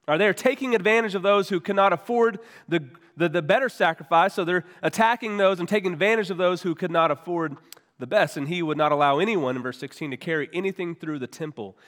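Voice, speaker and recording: A pastor delivers an earnest, conversational sermon, repeating and restarting his phrases. His voice sits high for a man and sounds weak and worn. The sound rings out with the long reverb of a church hall. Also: quick pace, fairly bright tone. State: weak, worn voice after weeks of voice loss. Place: church sanctuary.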